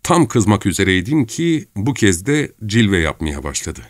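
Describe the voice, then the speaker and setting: A man narrating an audiobook in the first person, reading in a measured, expressive way. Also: on the low side, no room sound, studio quality.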